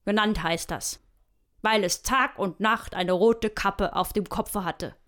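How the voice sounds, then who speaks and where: A woman's voice: medium pitch, takes it slowly, fairly bright tone. A woman telling a bawdy comic fairy tale in a hearty, rambling, folksy yarn style. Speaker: storyteller.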